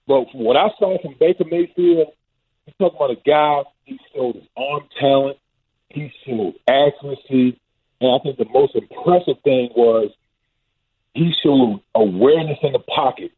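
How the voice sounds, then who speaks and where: Man on a muffled tunnel-like phone line. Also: normal speed. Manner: lively, loose, peppered with "man" and "I mean". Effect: muffled low-quality phone line, as if calling from inside a tunnel. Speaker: football analyst calling in. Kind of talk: casual sports radio talk. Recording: tinny phone line, husky.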